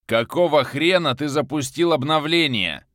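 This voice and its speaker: A man voicing a cold, venomous male crime boss who shouts in fury. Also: mid-range voice, expressive, unhurried, no room sound, studio quality, pitched above the performer's own voice. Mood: furious.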